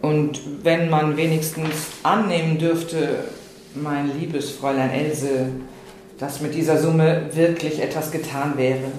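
A patronising older gentleman, smooth and slow, drawing out his words with condescension, as a woman reading aloud puts him on. The voice rings out in a very echoey room, with a faint ambient hum behind it. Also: low voice, level tone. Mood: condescending. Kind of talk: literary reading.

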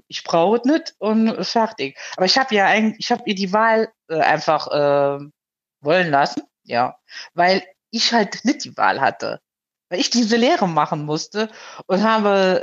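A woman's voice: on the low side, lively intonation, unhurried, lo-fi sound. A woman in her fifties calling in, telling a personal story in casual chat with many hesitations. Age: 50s. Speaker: caller.

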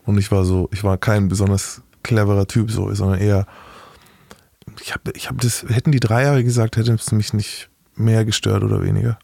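A man's voice: fairly low pitch, flat delivery, normal speed, gravelly, darkish tone, no echo, studio quality. A middle-aged man speaking as an interview guest, talking frankly and matter-of-factly in a casual interview.

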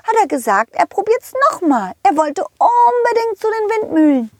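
A woman's voice: normal speed, dry recording, studio quality. A woman voicing a playful, teasing female pink horse in a children's audio story. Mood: chatty. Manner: teasing, giggly, high and excited.

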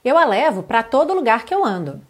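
A Brazilian woman runs an online English lesson, reading song lyrics slowly and carefully before translating them. Her voice leans high and has a sing-song quality.

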